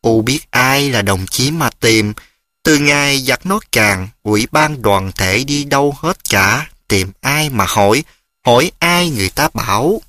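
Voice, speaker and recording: A man's voice: medium pitch, lively intonation, measured pace, sharp tone, no echo, clean studio sound. Tearful old peasant mother, as a man reads her. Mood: worried. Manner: tearful, pleading.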